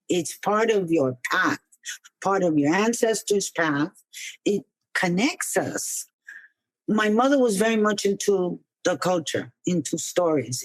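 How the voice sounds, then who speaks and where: An older woman from New City, telling personal stories as a podcast guest in an expressive, conversational way. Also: fairly low pitch, no echo, poor audio. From New York City. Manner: conversational, expressive, uses Spanish and Yiddish words. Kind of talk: reflective personal storytelling.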